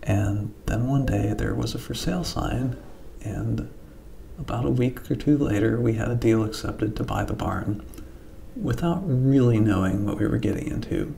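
A man in his forties from Ohio, United States, hosts his own vlog as a channel host and property developer, narrating casually outdoors beside the barn with the camera held at arm's length. His voice is lowish and dark, with vocal fry and a moderate pace; he speaks plainly and earnestly, with ums and restarts, and a little hiss or hum is audible.

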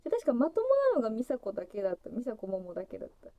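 High bouncy woman rambling on a livestream, laughs a lot, mellow tone, dry close sound. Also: sing-song, very fast, no echo. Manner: chatty and giggly, breaks into frequent laughter, voice jumping high. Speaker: livestream host opening fan gifts. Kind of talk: casual solo livestream chat.

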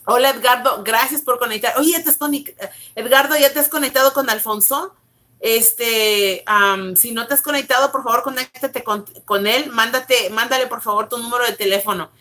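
A woman pastor teaching the Bible on a live stream from her bedroom at home, urging viewers along briskly and greeting them by name. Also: fairly high pitch, sharp tone.

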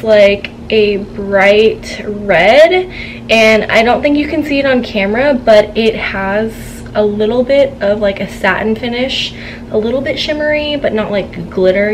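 A young woman vlogger in casual haul chat at home, talking to a camera, chatty and giggly as she tells stories. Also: on the high side. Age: young adult. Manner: chatty, giggly, gossipy storytelling. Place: home room, indoors. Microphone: camera on a tripod, seated. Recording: noisy home room.

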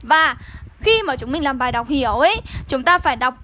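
A woman's voice: high-pitched, lively intonation, brisk, bright, forceful tone. A young woman with a Northern Vietnamese accent teaching an online exam-review lesson, coaxing and keeping on checking in with her students. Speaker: literature teacher.

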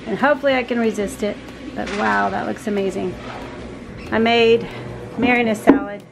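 A woman's voice: medium pitch, fairly even intonation, moderate pace, vocal fry, over loud music, poor audio. A woman in her forties chatting casually on a home vlog from her kitchen, rambling and laughing often. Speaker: vlogger. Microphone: camera on the counter, sometimes handheld.

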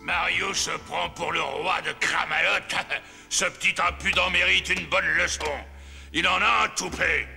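A man voicing a scheming, gloating reptile king with a gravelly voice in a cartoon dub. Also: high voice, fairly even intonation, unhurried, pushed and bright, exaggerated voice. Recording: echoey with music behind.

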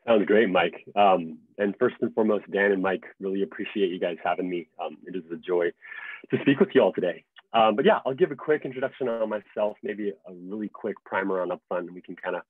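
A young adult man from Hong Kong, a venture investor, speaking on a video call panel in a relaxed, measured way with frequent ums. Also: low-pitched, no echo. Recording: tinny phone-like call audio.

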